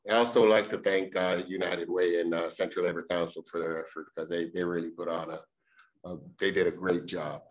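A man serving as a board director, giving remarks at a meeting in a halting way with many pauses and restarts. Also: sits low, level tone, low-quality recording.

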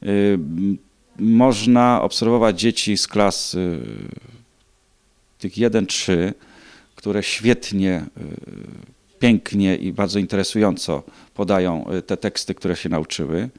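Low-voiced, hesitant middle-aged man. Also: darkish tone. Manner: hesitant, measured, pausing often. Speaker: contest organiser being interviewed. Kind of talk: spoken interview answers. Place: indoors, small room. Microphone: handheld reporter microphone.

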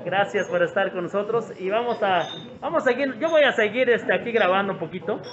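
Mexican vlogger, fairly high male voice, walk-around commentary on a phone camera, muffled sound, people chatting behind. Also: a little fast, crowd noise. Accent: Mexican Spanish. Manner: chatty, greets people by name, repeats phrases. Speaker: vlogger showing a restaurant. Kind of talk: casual walk-around narration. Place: open-air roadside restaurant.

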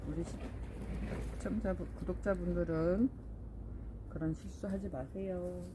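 This middle-aged woman has a lowish, steady voice and a measured pace, with background noise behind her. She's in a greenhouse, planting and casually chatting to viewers in a vlog about her succulents.

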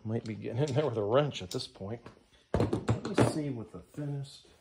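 A middle-aged man works in a garage, muttering to himself as he walks through a casual, hands-on engine rebuild tutorial. His voice is medium-pitched and creaky, his pace moderate, and heavy background noise surrounds him.

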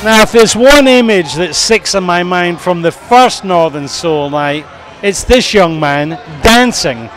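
A man's voice: high voice, expressive, unhurried, music in the background. A man in his forties working as an interviewer, chatting casually on location. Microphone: handheld shotgun microphone. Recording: busy bar crowd noise behind.

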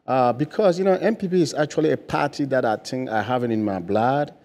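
This is a Ghanaian-accented man in his forties, a political candidate appearing as a guest in a bright TV studio and speaking into a lapel mic. His mid-range, darkish voice moves a little fast as he answers interview questions earnestly, full of fillers and restarts.

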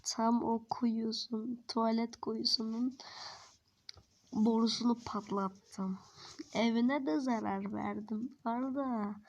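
A performer voicing a sneaky prankster who gloats in a hushed tone, as whispered role-play. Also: female voice, a little high, steady tone, slow, lo-fi sound. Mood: scheming. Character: sneaky scheming prankster troll, adult.

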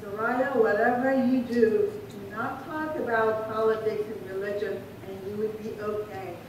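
A middle-aged woman from Afghanistan giving a prepared speech at a podium, speaking in a slow, measured way from her notes. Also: fairly even intonation. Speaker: guest speaker. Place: large indoor reception hall. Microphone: podium microphone heard from a distance. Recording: echoey hall from far off with faint rumble.

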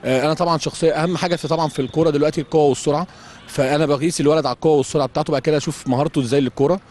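A middle-aged man with an Egyptian accent, a youth football coach answering interview questions on a handheld mic at an outdoor pitch at night. He speaks plainly, with many hesitant fillers. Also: fairly even intonation, rapid-fire, a little mellow, a little hiss or hum.

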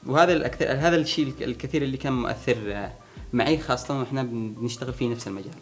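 A young man, answering a friend's questions in relaxed chat, pausing and restarting as he thinks. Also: mid-range voice, faint music behind. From Sanaa region, Yemen. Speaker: conversation partner answering. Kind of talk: casual chat between friends.

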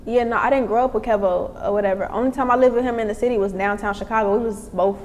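A chatty woman guest from Lake County, Illinois, speaks quickly and candidly with a slightly high voice. Her words ring in a reverberant room, with faint noise underneath. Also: fairly even intonation. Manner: candid, chatty, repeats "you know what I'm saying". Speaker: interview guest. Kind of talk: casual interview talk.

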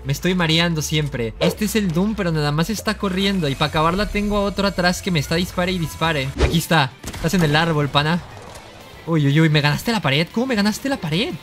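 A young man giving lively gameplay commentary, excitable and repeating his exclamations as he trash-talks opponents. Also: fairly high pitch. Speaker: gaming YouTuber. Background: background music.

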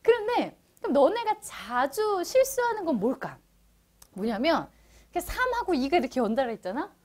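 Chatty woman math teacher, very lively. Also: sits high, normal speed. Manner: chatty, playful, addresses students directly. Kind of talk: online lecture to middle schoolers.

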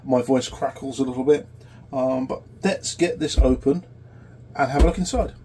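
With a cold and a sore throat, a forty-something host from the United Kingdom runs a casual electronics repair tutorial in a small workshop. His medium-pitched explanation is halting and peppered with fillers, and background noise is audible.

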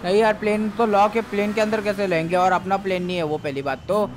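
An anxious young man, played by a man rambling with worry in a game role-play. His voice sits fairly high for a man, over a faint hiss of noise. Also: steady tone, fast, close to an everyday voice. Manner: worried, rambling.

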